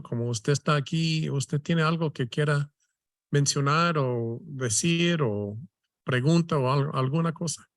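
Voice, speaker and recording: A man leading a Bible study, teaching slowly with many restarts and questioning tags. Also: mid-range voice, no echo, clean studio sound. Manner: slow, halting, many restarts and "¿verdad?" tags.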